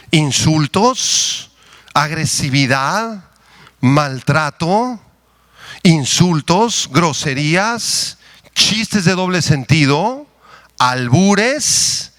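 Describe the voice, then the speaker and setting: Slow, lively-voiced male pastor preaching. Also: on the high side, no echo, studio quality. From Mexico. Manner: preaching with slow deliberate emphasis, leading the congregation in prayer and reading. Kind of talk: sermon. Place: church.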